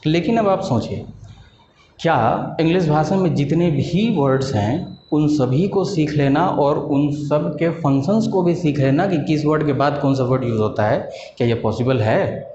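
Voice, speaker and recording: A man teaches a lesson in a patient, explanatory way, pausing on rhetorical questions and drawing out key terms. His voice sits a little high yet sounds mellow and warm. The recording is dull and lo-fi, with a roomy echo. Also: lively intonation, a little hiss or hum. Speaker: English teacher. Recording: echoey room, dull lo-fi sound.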